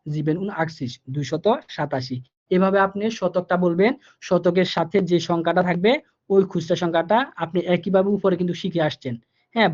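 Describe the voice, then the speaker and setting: A man teaching German numbers in a live online class, explaining each step slowly, repeating himself and asking the students questions. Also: sits high, darkish tone. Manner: repetitive, patient, asks the students questions. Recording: dull lo-fi online class audio.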